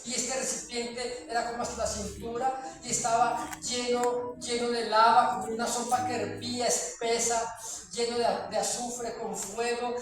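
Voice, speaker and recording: A woman's voice: on the high side, little pitch movement, moderate pace, over music. A woman preacher giving a dramatic testimony sermon. She often checks in with the audience and repeats phrases for emphasis. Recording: very echoey from far off.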